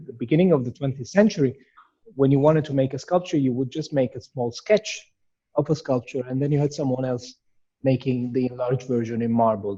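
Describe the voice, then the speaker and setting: A man's voice: medium pitch, mellow, husky, dull audio. A man from Iraq, a sculptor, giving thoughtful, searching answers in an interview with many restarts.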